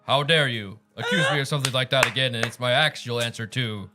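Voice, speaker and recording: A man's voice: medium pitch, fast, close to an everyday voice. A man playing an indignant warrior chief bard in a grand, declamatory game role-play voice, with music behind. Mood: indignant threat.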